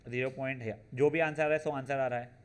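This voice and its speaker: In this classroom lecture, a math teacher with a mid-range, clean voice and fairly even intonation walks his class through probability. He moves through each formula step by step, slowing on them, addressing students as "beta" and often asking "theek hai na."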